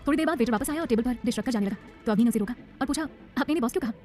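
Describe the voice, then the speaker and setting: A woman narrating a romance audiobook in a rapid, dramatic storytelling style. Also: on the high side, a little mellow, soft background music.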